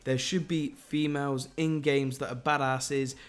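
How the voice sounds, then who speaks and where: A man's voice: mid-range voice, level tone, measured pace. A man talking viewers through game leaks in an enthusiastic, speculative way. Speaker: gaming YouTuber.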